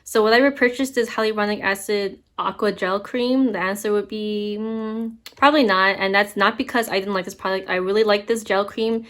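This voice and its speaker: Young woman vlogger, casual candid review, chatty and easygoing, middling pitch. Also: steady tone, normal speed, few pauses, a bit bright. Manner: chatty, candid, frequent fillers and laughs. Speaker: beauty vlogger.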